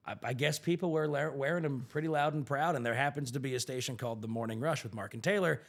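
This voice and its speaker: A man's voice: medium pitch, fast, creaky. A young man, a singer-songwriter guest, telling stories in a casual interview and acting out other people's voices. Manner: animated storyteller who acts out others' voices.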